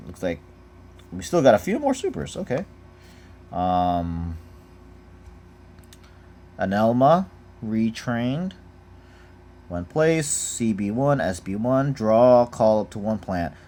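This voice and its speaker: Speaking in a lowish, slightly mellow voice, this man goes through trading cards in a relaxed, improvised way for his unboxing vlog. He reads the card text aloud and gives each one a brief verdict.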